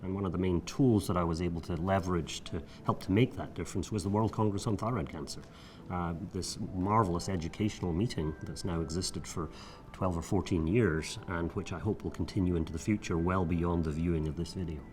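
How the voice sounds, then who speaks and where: Middle-aged Scottish doctor with a very deep voice, unhurried and reflective, pausing on fillers; faint rumble under the recording. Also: male voice, steady tone, darkish tone. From Scotland. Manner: measured, reflective, frequent filler sounds. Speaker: physician. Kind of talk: recorded oral-history monologue.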